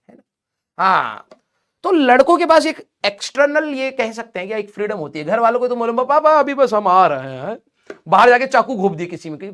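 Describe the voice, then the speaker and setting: A man's voice: extremely high pitch, fairly bright tone. A male teacher telling a personal story in a casual, joking way, chatting freely, laughing often and slipping into English phrases.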